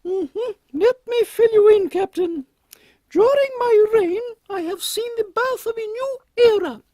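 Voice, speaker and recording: A man acts out an imperious British queen in a steampunk audio comedy. The voice is extremely high, measured and condescending, with dry regal wit. It is recorded close and dry, with no room sound. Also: warm tone, no room sound. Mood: regal, grave. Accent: British English. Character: imperious, drily witty middle-aged Queen Victoria.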